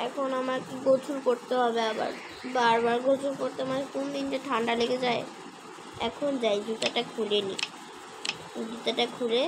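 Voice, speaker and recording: A woman acting out a story alone, chatty and bossy with her friend. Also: on the high side. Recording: noisy home recording.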